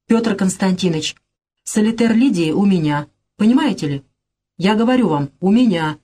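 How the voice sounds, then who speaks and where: Woman reading a scheming suitor: haughty, insistent, husky. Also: medium pitch, animated, normal speed, warm tone. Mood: indignant. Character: scheming gentleman suitor, proud and commanding.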